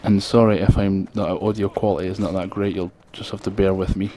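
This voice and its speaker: A Scottish gaming video creator with a thick accent rambles casually through gameplay commentary in a flat, brisk voice with a dark tone. His low-quality home mic picks up background noise.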